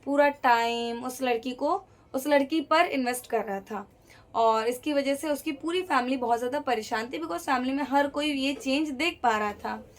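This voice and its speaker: A young woman telling a personal story in a casual vlog, lively and acting out each quoted voice. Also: high-pitched, moderate pace. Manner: lively, acts out every quoted voice.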